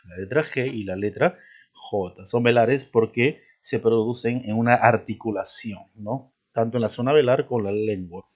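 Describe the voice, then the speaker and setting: A man teaching a spelling lesson, patient, repeating points and asking the listener often, clearing his throat now and then. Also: medium pitch, a little mellow.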